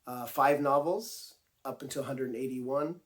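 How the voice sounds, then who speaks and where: A man with a raspy voice, still getting over a cold, hosts a casual talk about books he collects. He speaks in a middle pitch and stays chatty, with occasional fillers and restarts. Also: a little slow. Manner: chatty, with frequent ums and restarts. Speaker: book collector video host.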